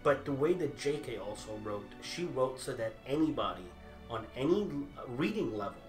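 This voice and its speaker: Arguing the Harry Potter side of a casual debate, this thirty-something man uses a medium-pitched voice at a moderate pace. Italian is his first language, spoken at home while he grew up overseas, and he is animated, gestures plenty, and restarts many times. Faint music plays in the echoey little room around him, which is crowded with movie memorabilia.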